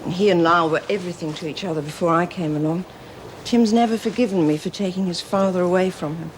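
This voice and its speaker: A woman's voice: fairly low pitch, quick pace, slight background noise, close to an everyday voice, low-quality recording. An actress playing a resigned, self-sacrificing woman prisoner, hesitant and restrained, in a television drama. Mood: resigned, pained.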